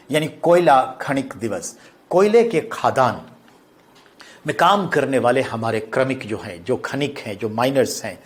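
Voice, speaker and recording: A middle-aged man teaching a classroom lecture for exam coaching, repeating key points and dropping to quieter asides. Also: medium pitch. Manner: explains with repetition, drops to quieter asides.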